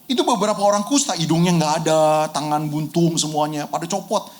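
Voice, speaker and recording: A middle-aged male pastor, preaching a sermon as an animated storyteller who drops into colloquial slang and shouts at the peaks. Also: a little high, brisk.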